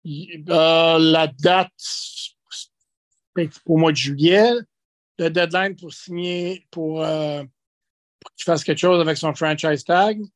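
A man with a Quebec French accent giving unscripted football commentary as an analyst, in a halting, conversational way with many restarts. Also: on the high side, fairly even intonation, dry recording. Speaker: sports analyst and guest.

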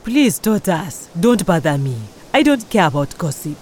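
A woman voicing a sleepy, grumpy male elephant with a lowered, drowsy, grumbling voice for a storybook. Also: very animated, moderate pace, a little mellow, slight background noise.

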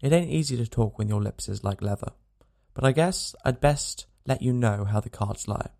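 A man voicing a gaunt, dying frontiersman, parched and weary, speaking in rough frontier vernacular and gently to a child in a storybook reading. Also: medium pitch, moderate pace, close to an everyday voice. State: parched, dry-lipped.

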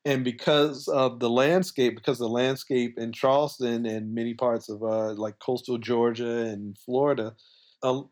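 A man from coastal South Carolina appears as a podcast guest, explaining things casually in a medium-pitched, slightly mellow voice. His talk is colloquial and conversational, full of filler like "like" and "you know."

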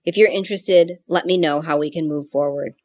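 A woman being interviewed for a documentary whose voice has been disguised to sound deep, speaking in a measured, halting way. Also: a little mellow. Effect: voice disguised, pitched deep.

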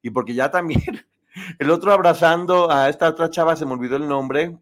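A man hosting a casual live show, chatting opinionatedly and reading viewer comments. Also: normal speed. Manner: chatty, opinionated, lively pitch swings.

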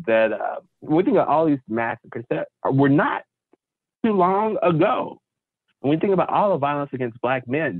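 A man speaking as a panel guest, explaining his views in an articulate, deliberate way with repeated emphasis. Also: medium pitch, dry recording. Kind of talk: impassioned explanatory discussion. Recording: tinny phone-like line.

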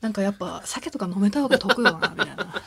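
A woman's voice: medium pitch, animated, fast talker, gravelly, fairly bright tone. A young adult woman chatting casually, laughing often and acting out the people she quotes. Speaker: podcast co-host. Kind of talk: casual chat.

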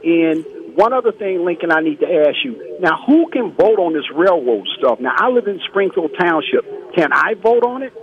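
A man's voice: sits high, expressive, normal speed, hardly any pauses. A man calling in to a radio talk show, talking in a chatty, friendly way and asking plain questions, heard through a bluetooth headset mic on a phone call. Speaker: caller. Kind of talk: casual call-in chat. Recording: muffled phone line.

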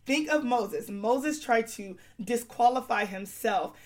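A woman's voice: fairly high pitch, slow pace. A woman hosting a faith-based podcast in a folksy, chatty, girlfriend-to-girlfriend way, her voice strained as she recovers from illness. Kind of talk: casual conversational faith-based podcast talk.

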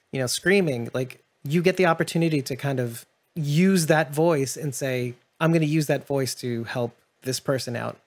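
A man's voice: medium pitch, gravelly. Reflective man musing in casual chat. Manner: reflective, musing, with frequent laughs and restarts. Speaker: podcast host. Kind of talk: casual TV discussion.

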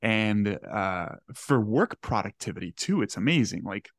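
A man's voice: lowish voice, animated, a little slow, creaky, dry recording. A man in his twenties hosting a podcast from his home kitchen, eager and earnest, often repeating words. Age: 20s. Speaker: podcast host. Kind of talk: podcast interview.

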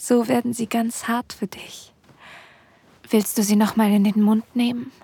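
Breathy woman in slow ASMR role-play. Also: fairly high pitch, little pitch movement. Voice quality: breathy, airy soft voice. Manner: sensual, intimate, addressing the listener directly. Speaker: erotic audio performer. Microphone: close microphone, dry sound.

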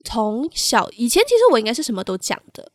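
Give me a candid young woman, halting. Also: a little high, big pitch swings, no room sound, clean studio sound. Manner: halting, mixes in English phrases. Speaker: podcast co-host. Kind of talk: candid personal storytelling.

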